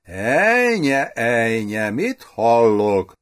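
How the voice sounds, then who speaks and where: A man's voice: mid-range voice, very animated, close to an everyday voice. A man doing an old, indulgently scolding king. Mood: mock scolding. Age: older. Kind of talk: audiobook character voice.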